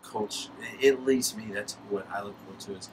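A man in his thirties, a high school baseball coach, talking casually in a postgame interview from a press box, with many restarts. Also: brisk. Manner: casual, rambling with restarts and laughs. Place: press box above a lit ballfield at night. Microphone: headset mic. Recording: distant mic with background noise.

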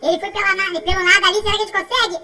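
A Brazilian woman calls out a mobile race game as she plays, in a very high, sharply bright voice. She talks in quick repeated bursts and often breaks into laughs and shouts. Her voice sounds a little distant from the microphone. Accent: Brazilian Portuguese. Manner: excitable, chatty, repeats phrases, frequent laughs and shouts. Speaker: gaming channel host.

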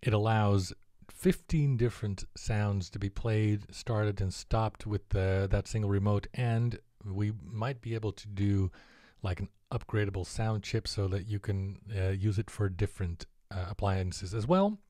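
Man, low, mellow tone; relaxed, filler-heavy product update to his buyers. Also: measured pace, no room sound, studio quality. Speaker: collectibles maker presenting a prototype.

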